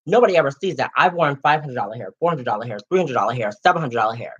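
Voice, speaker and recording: A sassy, dramatic man in his late twenties chatting as co-host. His pitch sits mid-range and he throws in girl and honey. The recording is dull and lo-fi. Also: lively intonation, racing, husky. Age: late 20s. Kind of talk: casual chat. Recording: dull lo-fi sound.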